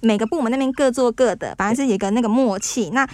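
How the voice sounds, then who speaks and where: A woman hosting a podcast interview, chatty and lively with quick affirmations, in Taiwanese Mandarin. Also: a little high, dry recording. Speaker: host.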